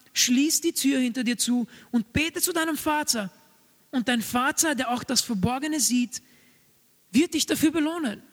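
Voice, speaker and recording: A man's voice: very high voice, fairly bright tone. A man preaching a sermon to a congregation, earnest and urging, repeating his key phrases for emphasis. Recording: long reverb of a large hall.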